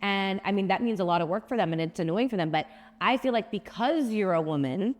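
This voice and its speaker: A woman's voice: medium pitch, animated, fairly quick. Female co-host, emphatic, conversational; long room reverb on the voice. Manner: emphatic, checks in with "right?" and "okay?". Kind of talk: casual chat.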